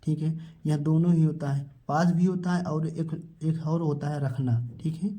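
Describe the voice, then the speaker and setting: A man gives a step-by-step spelling and pronunciation lesson, posing questions and answering them himself. His voice sits a little high for a man, and its tone is very dark and mellow. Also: fairly even intonation, normal speed. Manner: asks questions and answers them himself, repeating each word; addresses viewers as children. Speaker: English teacher.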